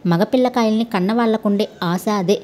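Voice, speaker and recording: A woman voicing a practical middle-aged wife and mother who reasons things through in a measured way, in a storybook reading. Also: mid-range voice, a little mellow, lightly acted. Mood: reasoning.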